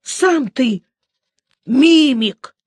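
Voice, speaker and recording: A cornered shapeshifter creature whines and pleads in a high, guttural voice, as a woman reading a storybook puts him on. The delivery is slow and unhurried. The sound is close and completely dry. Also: expressive, a little mellow, breathy edge, dry recording, full character voice. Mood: indignant. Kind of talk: audiobook reading.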